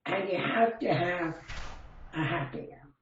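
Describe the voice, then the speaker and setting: A woman's voice: fairly low pitch, unhurried, heavy reverb, far from the mic. A very old woman, around a hundred, chatting as a talk show guest over a muffled video call. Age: 100. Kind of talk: casual interview chat. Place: indoors on a video call, faint music behind.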